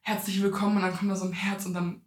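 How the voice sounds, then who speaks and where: A woman's voice: mid-range voice, little pitch movement, fast. An eighteen-year-old woman chatting casually and slangily as a podcast guest. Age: teens. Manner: casual, slangy, agrees readily. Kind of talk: casual conversation. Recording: echoey room.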